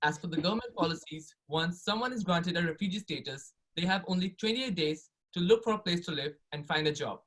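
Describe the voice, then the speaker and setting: Guy presenter reading from script, slightly high voice. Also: lively intonation, fairly quick, few pauses, a bit bright, low-quality recording. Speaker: student presenter.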